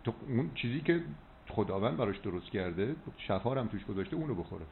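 A deep-voiced man speaks down a landline phone line, preachy and insistent as a doctor advising a caller. The line is thin and tinny. A faint hiss sits under his voice. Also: expressive, creaky. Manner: preachy, insistent, rhetorical checks. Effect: heard over a landline phone line. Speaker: doctor giving phone advice. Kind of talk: phone consultation.

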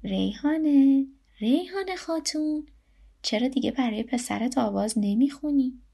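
A woman voicing a kind, patient old grandfather who speaks calmly and reassuringly. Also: fairly high pitch, gravelly, husky. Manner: calm, reassuring.

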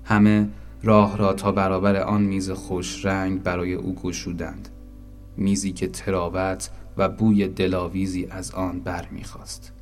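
A man narrating a story in a calm, even storytelling manner. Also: low-pitched, soft background music.

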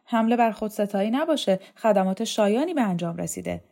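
A woman's voice: medium pitch, lively intonation, vocal fry, dark tone. A woman voicing a fawning, overly formal male dormitory head in an audiobook reading.

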